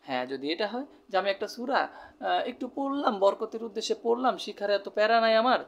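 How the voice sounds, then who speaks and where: A man's voice: high voice, animated, brisk, muffled recording. A man from Bangladesh teaching Quran recitation rules in an explanatory, repetitive way, with many fillers. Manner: explanatory, repeats terms, frequent fillers. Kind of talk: spoken Quran recitation lesson.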